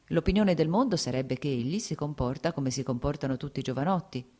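A woman voicing an exasperated aristocratic mother, reading her lines a little higher and more agitated than the narration. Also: a little fast, dark tone. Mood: worried confiding.

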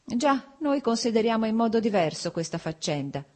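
A woman's voice: fairly high pitch, big pitch swings, moderate pace, pitched above the performer's own voice. A woman doing a cold, stiff official. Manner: cold, curt, sardonic. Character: cold, stiff middle-aged official man.

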